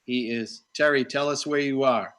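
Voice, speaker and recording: Hosting a live video-call conversation with an author from his Boston home, a man talks in a rambling, chatty style packed with praise. His medium-pitched voice is a bit bright, fairly even in intonation and moderately paced.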